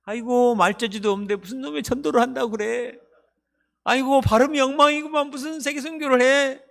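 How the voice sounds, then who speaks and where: A man's voice: very high voice, fairly even intonation, a little fast, creaky, a bit bright, voice pushed up, heavily acted. A man voicing a scornful male tempter who taunts a believer's weaknesses in a sermon. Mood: mocking.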